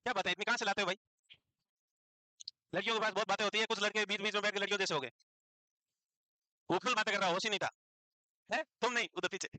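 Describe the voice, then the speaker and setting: A man lectures a classroom, teasing and scolding his students as he quizzes them. His voice sits high and rings bright and forceful. The sound is dry and close. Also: steady tone, fast, pauses often, dry recording, low-quality recording. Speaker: teacher.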